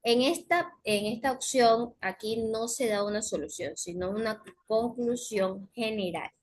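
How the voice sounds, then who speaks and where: A woman's voice: on the high side, a little slow, poor audio. A woman teacher going through test questions one by one, explaining each answer with frequent fillers and self-corrections. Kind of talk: recorded class explanation.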